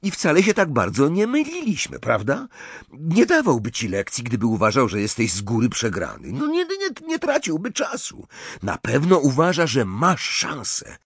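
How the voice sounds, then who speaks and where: A man voicing an excitable, blunt teenage wizard boy. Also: mid-range voice, measured pace, vocal fry, few pauses, breathy edge, dry recording, pitched above the performer's own voice, heavily acted. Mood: excited. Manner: eager, blunt, snappish.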